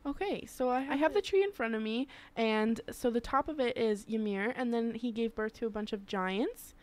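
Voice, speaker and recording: Female podcast co-host, a touch high, chatty and easygoing. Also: normal speed, a little mellow. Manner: chatty, reading off a list, laughs easily. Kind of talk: casual podcast chat.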